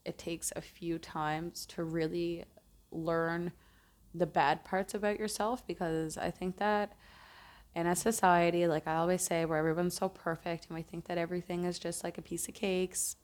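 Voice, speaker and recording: A woman's voice: lowish voice, little pitch movement, normal speed. A woman hosting a casual solo podcast, talking in a reflective, earnest way and correcting herself as she goes. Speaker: podcast host.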